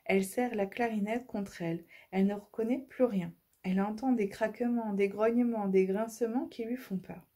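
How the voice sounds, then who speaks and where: A woman reading a children's audiobook, lively and expressive. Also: medium pitch, moderate pace, few pauses. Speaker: storyteller.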